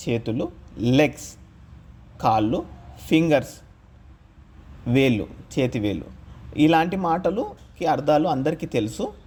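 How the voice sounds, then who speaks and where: A man with a husky, fairly high voice teaches pronunciation in a lively, rising and falling tone. He speaks very slowly, laying out each example word on its own. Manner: slow, deliberate, spells out example words one by one. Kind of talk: scripted lesson narration.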